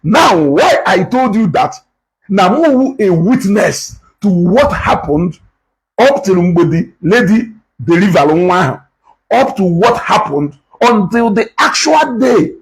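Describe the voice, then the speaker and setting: A man's voice: high-pitched, very animated, slow, breathy edge, poor audio. A Nigerian man with an Igbo accent hosting a live stream, lecturing his viewers and switching between English and Igbo. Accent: Nigerian, Igbo-speaking. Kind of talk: casual live-stream commentary.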